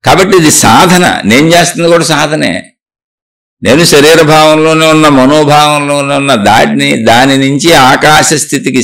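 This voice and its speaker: A man's voice: medium pitch, creaky. A man, a spiritual teacher, giving an earnest spiritual talk, answering viewers' questions and telling a parable, with rhetorical questions along the way.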